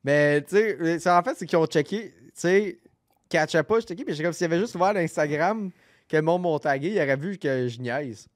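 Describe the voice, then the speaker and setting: A man's voice: on the high side, animated, a little fast, no echo, clean studio sound. A man with a Québécois accent hosting a podcast, joking and teasing in loose chat. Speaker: podcast host. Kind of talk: casual chat.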